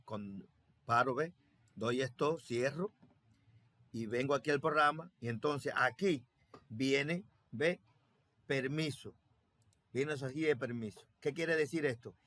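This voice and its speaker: Man, screen tutorial instructor, step-by-step, repetitive, filler-heavy, mid-pitched voice. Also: a bit bright, no room sound. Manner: repetitive, step-by-step, thinking aloud with many fillers. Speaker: software instructor. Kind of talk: screen-recorded programming tutorial.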